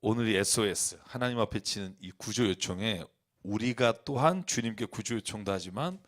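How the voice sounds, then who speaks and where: A man preaching a sermon as a pastor in a church, blunt and colloquial, rising to loud emphatic peaks and dropping to soft low asides. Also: normal speed.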